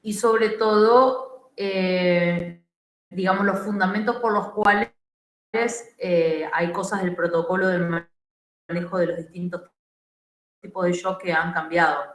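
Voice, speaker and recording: A woman with a Rioplatense Spanish accent lectures on pediatrics over a video call. Her delivery is slow and deliberate, dotted with "eh" fillers. The call audio is choppy and keeps breaking up, and the room around her is echoey. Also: on the low side, fairly even intonation. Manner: unhurried, with frequent "eh" fillers. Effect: choppy, breaking-up online call audio. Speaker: pediatric doctor giving a class. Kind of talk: online lecture.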